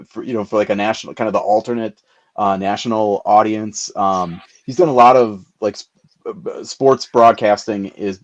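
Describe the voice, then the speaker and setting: A man with a lowish voice hosts a casual beer show interview. He rambles and restarts his sentences as he sets up his questions. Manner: rambling, many fillers and restarts. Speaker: host.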